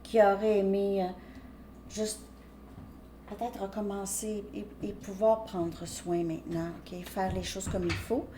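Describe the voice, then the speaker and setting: A woman's voice: medium pitch, little pitch movement, measured pace, warm tone, a little hiss or hum. A woman giving a casual tarot reading, talking hesitantly with frequent restarts and "ok?" check-ins. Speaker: tarot reader.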